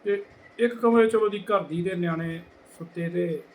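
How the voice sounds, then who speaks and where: A middle-aged man with a Majhi Punjabi accent telling a village anecdote casually, acting out the people in it and dropping to hushed tones. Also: high voice, moderate pace, poor audio. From Punjab border region. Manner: lively, acts out quoted people, drops to hushed tones. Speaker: storyteller.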